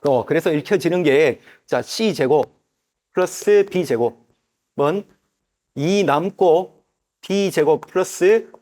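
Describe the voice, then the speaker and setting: A man teaching a math lesson at a whiteboard, who talks to the parts of the figure as "you" and reads formulas slowly and repeats each step aloud. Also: a little high, expressive, darkish tone. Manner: drawn-out, slow reading of formulas.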